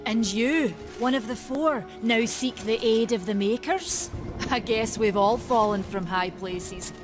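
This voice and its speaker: An actress portrays a proud, stubborn woman who keeps a forge, bargaining in archaic, plainspoken language over game music. Her fairly high voice is unhurried and close to how she normally talks.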